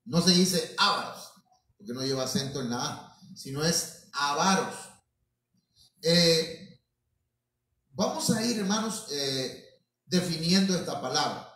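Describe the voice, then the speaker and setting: A man's voice: on the high side, animated, measured pace, long pauses, fairly bright tone. A man preaching a sermon in a church hall, often calling his listeners brothers and restarting his words as he goes. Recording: very echoey room, mic at a distance.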